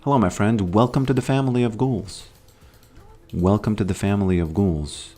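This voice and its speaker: A Latvian man with a lowish, warm voice streams a game at normal speed, soft music playing behind him. He chats casually with viewers, greeting chat and rambling and musing as he plays.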